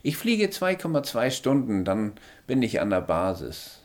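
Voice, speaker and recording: A man's voice: mid-range voice, sing-song, measured pace, pitched above the performer's own voice. A man voicing a small male alien in an audiobook, speaking in a terse, factual, lecturing way. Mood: curt. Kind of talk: audiobook character voice.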